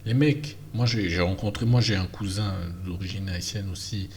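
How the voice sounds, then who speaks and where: A man's voice: sits low, moderate pace, a little mellow, slight background noise. A man from French Guiana giving an emphatic, casual opinion monologue with many fillers and restarts. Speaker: vlogger.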